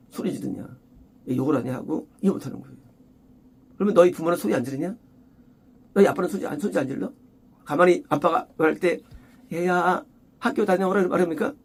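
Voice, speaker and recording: A male pastor delivering an expository sermon with a husky, gravelly voice. He swings widely in pitch and keeps pressing his points through repetition, sometimes rising almost to a shout.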